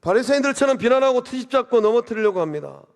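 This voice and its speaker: A man delivers a sermon from the pulpit, his voice pitched high for a man. He presses his points with questions to the congregation and surges in force on key phrases. The church hall lets every phrase ring on after he stops. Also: expressive, quick pace. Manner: preaching with rhetorical questions and swelling emphasis. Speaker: pastor. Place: church sanctuary. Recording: long reverb of a church hall.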